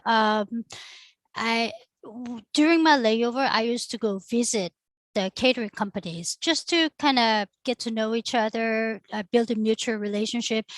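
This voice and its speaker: A woman's voice: a little high, dry recording. A middle-aged woman from Korea with a Korean accent, a catering founder talking through her career on a discussion panel, earnest and full of fillers. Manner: earnest storytelling with frequent fillers. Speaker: catering company founder, guest.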